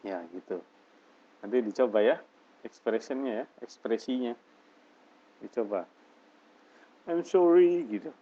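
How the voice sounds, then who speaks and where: A man teaching an English lesson, slowly reading English example phrases and explaining them in Indonesian. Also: fairly low pitch, dark tone, breathy edge. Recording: dull lo-fi lesson recording.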